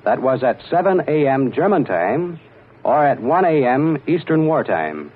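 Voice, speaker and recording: Husky 1940s radio newsman on a tinny broadcast. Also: mid-range voice, sing-song. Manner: measured, formal announcer delivery. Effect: old 1940s radio broadcast, played from archive. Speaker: radio news reporter. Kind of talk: formal wartime radio news bulletin. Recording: tinny narrow-band archival radio recording.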